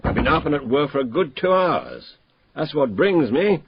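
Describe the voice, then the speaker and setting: Inspector Japp, very raspy blunt English policeman. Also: fairly high pitch, sing-song, no room sound, heavily acted. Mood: brisk, matter-of-fact. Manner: blunt, colloquial, briskly matter-of-fact. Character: blunt, cocksure English male police inspector, plain-spoken and jocular. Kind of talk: radio drama acting. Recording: muffled radio drama recording.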